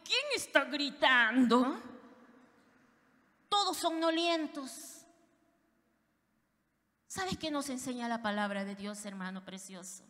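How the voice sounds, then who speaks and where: High, bright-voiced woman pastor preaching. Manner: fervent, addressing the congregation directly. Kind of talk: sermon. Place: church. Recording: reverberant church hall.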